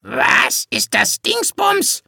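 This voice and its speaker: A reader voicing a squawking, cranky male parrot in an audiobook, creaky and scolding. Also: medium pitch, huge pitch swings, drawn-out words, sharp tone, no room sound, studio quality, pitched above the performer's own voice, full character voice. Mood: puzzled. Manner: scolding, impatient. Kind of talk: audiobook character voice.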